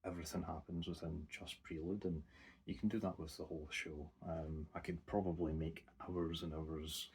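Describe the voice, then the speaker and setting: A young man talks his way through an anime review, loose and unscripted, often cursing and circling back on his words. His voice sits very low and carries a gravelly, husky grain. He keeps an even, flat tone throughout. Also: moderate pace. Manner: rambling, informal, swears casually. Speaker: anime vlogger. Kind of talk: casual unscripted review monologue.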